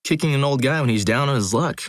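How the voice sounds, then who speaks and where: A man's voice: mid-range voice, fast talker, no room sound, studio quality, pitched above the performer's own voice, lightly acted. A man playing an amused, self-deprecating older man in a narrated story. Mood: amused, incredulous.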